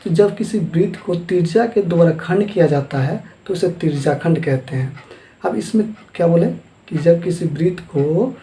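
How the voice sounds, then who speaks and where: A man's voice: on the high side, warm tone. A man teaching a math lesson, who asks questions and answers them himself and repeats each term. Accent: Hindi-speaking eastern India, Jharkhand. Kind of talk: classroom lesson at a board. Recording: echoey room.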